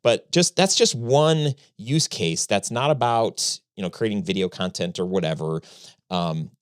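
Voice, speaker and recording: A man with a fairly low voice hosts a casual podcast interview. He rambles through halting, restarting sentences and tends to joke around. The sound is dry and close to the mic. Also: clear, resonant tone, no echo. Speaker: podcast host.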